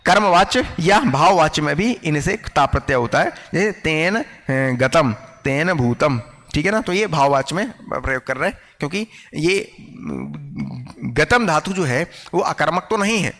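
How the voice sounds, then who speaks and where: A male teacher giving an online grammar lecture, explaining patiently, often checking whether students follow and slowing down to dictate example sentences. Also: on the high side, animated, a bit bright, in a large hall.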